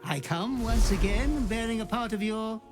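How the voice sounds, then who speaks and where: Over music, an actor uses a natural, high-pitched voice at normal speed to play a video game's demon butler. Obsequious and gleefully ghoulish, he fawns over his murderous master.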